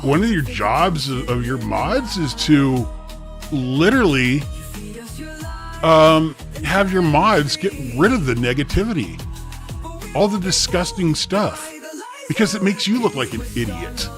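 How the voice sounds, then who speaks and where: A man's voice: on the high side, big pitch swings, unhurried, music in the background. A man live streaming through an overmodulated, clipping mic, confronting a rival streamer. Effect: overmodulated, clipping distorted mic. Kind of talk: livestream rant.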